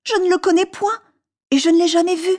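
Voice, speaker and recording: A woman's voice: fairly even intonation, brisk, darkish tone. A woman voicing a terrified male merchant who pleads in a trembling, raised voice in a storybook reading. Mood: pleading. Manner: trembling, pleading, high-pitched.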